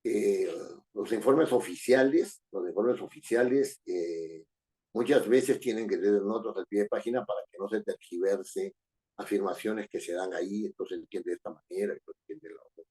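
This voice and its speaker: Speaking at a moderate pace in a fairly low, warm voice, a male teacher with a Peruvian Spanish accent addresses his class. Rhetorical question tags and repeated phrases run through his lecture.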